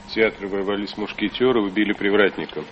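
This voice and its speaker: An actor playing an alarmed theatre secretary who announces the news in an urgent, official way. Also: male voice, fairly low pitch, little pitch movement, fast talker, a bit bright, a little hiss or hum, natural voice. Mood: alarmed, formal. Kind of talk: theatrical stage acting. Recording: dull lo-fi recording.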